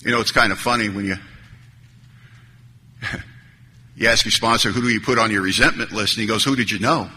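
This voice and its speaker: Male speaker telling his recovery story on a stage mic, bright and forceful, in a reverberant hall. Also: lowish voice, steady tone, fairly quick, pauses often. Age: 30s or older. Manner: earnest, storytelling, acts out dialogue. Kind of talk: recovery talk to an audience. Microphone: stage microphone. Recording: hall reverb, faint noise.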